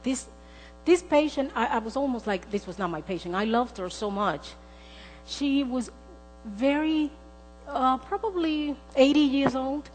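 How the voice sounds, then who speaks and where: A woman's voice: high voice, a little slow, darkish tone. Emphatic woman preaching in a reverberant church. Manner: emphatic, repeats words for stress. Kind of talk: sermon. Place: church sanctuary. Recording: long hall reverb with faint mains hum.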